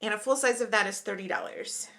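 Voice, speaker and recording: A young woman vlogger chatting casually as she unboxes beauty products, upbeat and quick to call everything exciting. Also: mid-range voice, vocal fry.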